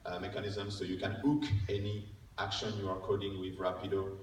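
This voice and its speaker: A man's voice: deep voice, monotone, brisk. A man who is a non-native English speaker gives an informal technical lightning talk, explaining step by step and often checking in with a short tag question. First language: not English. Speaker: conference speaker. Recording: distant mic, echoey room, faint noise.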